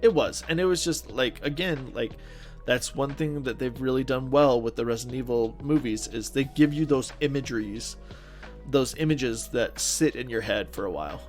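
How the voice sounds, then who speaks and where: A podcast co-host speaks in a medium-pitched male voice at a moderate pace, keeping things casual, slangy and agreeable. He's recorded remotely, apart from his co-host, with music playing in the background.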